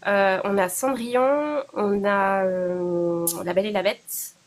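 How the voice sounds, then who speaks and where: Woman, guest author, interview, hesitant, halting, pausing, mid-pitched voice. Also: fairly even intonation. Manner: hesitant, halting, many pauses. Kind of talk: interview answers.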